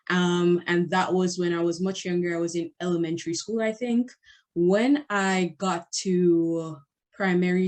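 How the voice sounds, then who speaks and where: A young woman guest telling personal stories in a chatty, animated way. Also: lowish voice. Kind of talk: casual personal storytelling.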